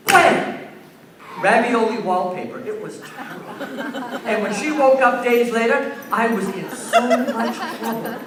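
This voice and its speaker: A man's voice: very high voice, measured pace, heavy reverb, crowd noise. A man presenting a school assembly to young children, telling a story and asking the kids questions, recorded in a large gym by a far-off camera. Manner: asks the children questions and takes answers.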